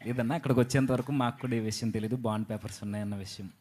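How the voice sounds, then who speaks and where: A male interviewer speaks quickly and respectfully. His voice sits at an ordinary middle pitch. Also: steady tone, darkish tone. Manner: polite, deferential, rapid. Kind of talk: interview questions.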